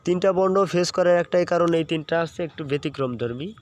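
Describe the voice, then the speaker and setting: A man's voice: fairly high pitch, quick pace, darkish tone. A young man teaching a pronunciation lesson, explaining step by step, repeating points and asking his students questions.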